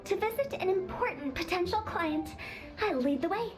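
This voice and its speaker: A mischievous young lady funeral director in a video game. Her voice sits very high, with a breezy, theatrical, playful delivery. Faint music plays underneath. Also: lively intonation, normal speed.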